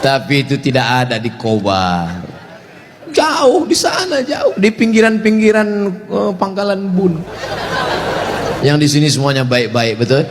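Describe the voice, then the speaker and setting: A man preaching a humorous Islamic sermon to a gathering, mixing jokes and quick mimicked voices and calling out questions to the crowd. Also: medium pitch, background noise. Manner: joking, mimics people in quick voices, calls out to audience.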